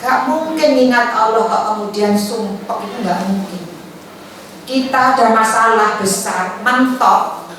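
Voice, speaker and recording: A woman's voice: on the high side, measured pace, fairly bright tone. A woman with a Javanese accent teaching an Islamic study session, chatty, acting out little dialogues and mixing in Javanese phrases. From Indonesia. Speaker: religious teacher. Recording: echoey hall, far mic, faint noise.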